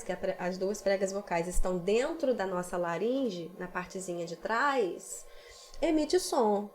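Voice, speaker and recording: A woman's voice: mid-range voice, darkish tone. A woman singing teacher with a Brazilian accent, patiently explaining vocal technique in a casual podcast chat. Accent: Brazilian Portuguese.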